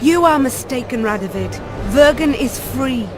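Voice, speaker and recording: A woman's voice: high-pitched, animated, moderate pace, over music. A woman playing a proud, defiant young rebel queen in a video game, speaking formally and firmly. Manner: formal, firm. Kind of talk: video game dramatic dialogue.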